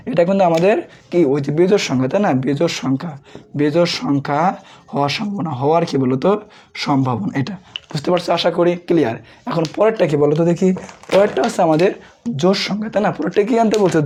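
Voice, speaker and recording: A young man from Bangladesh with a sore throat, teaching a fast revision math class and quizzing students, then answering his own questions. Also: a little high, warm tone, breathy edge. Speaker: math tutor.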